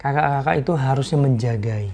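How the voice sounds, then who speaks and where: A man giving an informal sermon-style talk, earnest and repetitive for emphasis, asking his audience questions and clearing an irritated throat. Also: mid-range voice, a little fast, darkish tone, a little hiss or hum.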